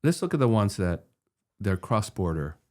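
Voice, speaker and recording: A middle-aged Peruvian man co-hosts a conversational podcast, speaking earnestly, asking probing questions, and often repeating a word as he starts. His voice sits on the low side with big pitch swings, a moderate pace, and a darkish tone.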